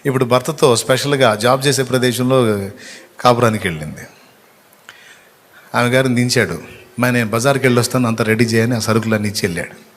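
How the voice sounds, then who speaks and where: A man's voice: mid-range voice, fairly even intonation, brisk, long pauses. A man preaching a devotional sermon, telling a story with pity and acting out the people in it. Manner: tells a parable with pity, acting out quoted voices.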